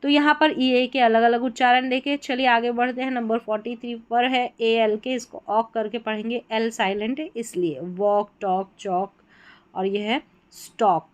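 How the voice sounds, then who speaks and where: A woman's voice: a little high, steady tone. Woman teaching English spelling patterns. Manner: slow, drawn-out example words between explanations. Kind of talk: spelling lesson walking through a chart.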